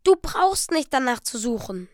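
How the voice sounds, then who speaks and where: A woman reading the part of a young wife who pleads eagerly with her husband, her voice raised higher and louder. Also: unhurried, dry recording, clean studio sound. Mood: pleading. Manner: breathless, pleading and excited.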